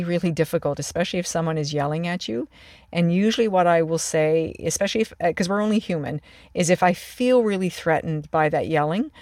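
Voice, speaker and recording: An emergency department clinician giving an instructional talk in a calm, measured way, often restarting and repeating words. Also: medium pitch, dry recording, studio quality. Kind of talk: instructional talk on calming angry patients.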